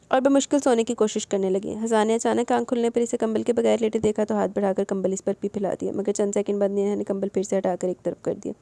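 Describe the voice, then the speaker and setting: A woman narrating a romance novel with steady storytelling. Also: on the high side, no room sound. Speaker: audiobook narrator. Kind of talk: novel reading.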